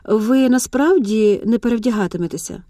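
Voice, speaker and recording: A woman voicing a brisk, sympathetic female shop assistant. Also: on the high side, dry recording, studio quality, far from the mic, lightly acted. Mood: persuasive. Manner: brisk, warm-hearted.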